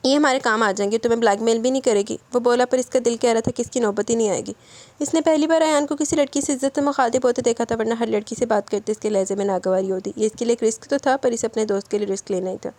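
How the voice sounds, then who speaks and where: A woman narrating a romance novel aloud in a rapid, steady reading voice. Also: a little high, dry recording.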